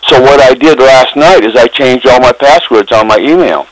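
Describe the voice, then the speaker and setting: A man calling customer support by phone, plainspoken and halting as he explains himself. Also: medium pitch, low-quality recording. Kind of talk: customer service phone call. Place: on a phone call.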